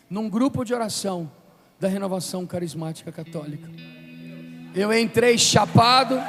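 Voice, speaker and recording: Music plays under a live sermon from a male Brazilian preacher in his fifties, whose high-pitched, declamatory delivery is emphatic and punctuated by deliberate pauses. He reads scripture with emphasis and leads call-and-response, the big room adding long hall reverb.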